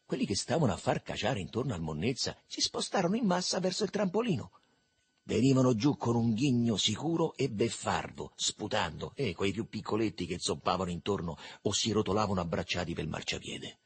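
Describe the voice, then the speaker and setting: Husky man reading a novel aloud. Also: on the low side, fairly quick. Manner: expressive, animated. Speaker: narrator.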